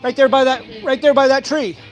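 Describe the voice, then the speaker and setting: A fishing vlogger in his forties, with a very high, steady voice, talks a little fast while casually chatting by a pond. He meanders through anecdotes and acts out brief exchanges, with faint music, some background chatter and outdoor ambient noise behind him.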